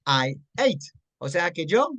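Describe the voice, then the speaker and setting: A Colombian-accented English teacher giving an online grammar class at an unhurried pace, patient and checking understanding often. English words are dropped into the Spanish explanation. The recording is dry and close. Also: mid-range voice, big pitch swings, a bit bright, no room sound.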